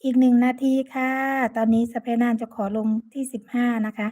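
A chatty woman with a Northeastern Thai Isan accent talks to her live-stream viewers, greeting and thanking each by name. Her voice sits a little high yet sounds mellow and soft. She speaks into a phone. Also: flat delivery, a little fast. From Sakon Nakhon, Northeast Thailand.

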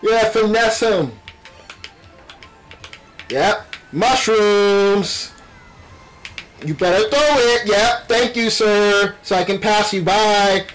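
High-pitched guy hyped up doing game commentary, retainer in his mouth, game music behind him. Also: slow pace. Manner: animated, exclaiming, playful trash talk. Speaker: gaming video host. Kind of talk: excited live gameplay commentary.

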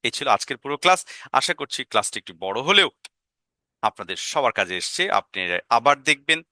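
A man's voice: medium pitch, big pitch swings, brisk, bright, forceful tone, no room sound, studio quality. A man teaching an English grammar lesson, explaining step by step, often checking "right?" and sounding out vowels.

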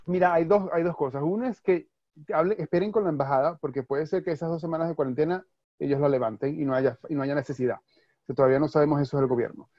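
A man with a Venezuelan accent answers webinar questions in a quick, reassuring stream, dropping in English words. His voice sits a little high and comes through a dry, slightly muffled video-call line. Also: fairly even intonation, dry recording. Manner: reassuring, mixes in English words, restarts often. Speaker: university advisor.

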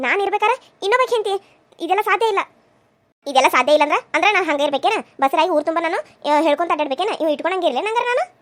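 A scheming young woman in a cartoon serial, voiced by a woman demands and accuses. Her voice is very high and she talks fast. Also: lively intonation, a bit bright. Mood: accusing. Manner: accusing, insistent. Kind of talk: cartoon voice acting.

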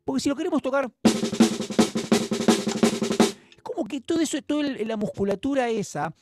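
Over loud music, a man with a very high voice teaches drums online through a video call, talking fast with lively intonation. His Rioplatense Spanish accent comes through as he explains patiently and encouragingly.

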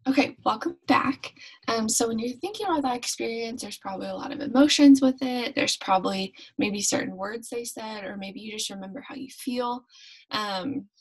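A young woman with a fairly high, breathy-edged voice talks at normal speed as she leads a youth devotional. Seated at her bedroom desk in front of a webcam, she tells a Bible story in a friendly way, using many ums.

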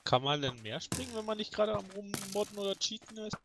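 A woman's voice: medium pitch, expressive, quick pace, noisy background. A woman playing along in a game, teasing and sing-song in casual chat. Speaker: fellow player.

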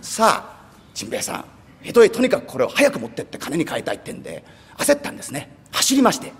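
Male rakugo storyteller, high animated voice, reverberant hall. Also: quick pace, husky. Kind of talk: rakugo narration.

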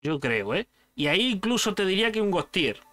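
Young guy from spain, spanish accent, super expressive slangy chat, bright tone. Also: high-pitched, brisk, soft background music. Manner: animated, slangy, addresses viewer as "tío". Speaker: YouTuber ranking foods. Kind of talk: casual chat, food tier list.

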